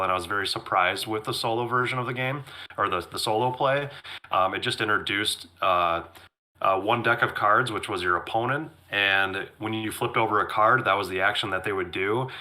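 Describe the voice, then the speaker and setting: A man co-hosting a casual board game podcast, losing his voice, who clears his throat often and talks with many fillers and restarts. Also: fairly low pitch, brisk, bright, forceful tone. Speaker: podcast co-host. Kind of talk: casual chat.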